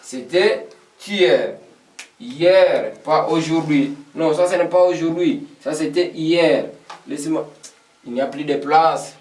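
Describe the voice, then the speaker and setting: A man's voice: a little high, unhurried, a little mellow, far from the mic. Man teaching English in an echoey room. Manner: patient, repeats phrases many times, checks understanding. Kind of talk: classroom lesson explaining English in French.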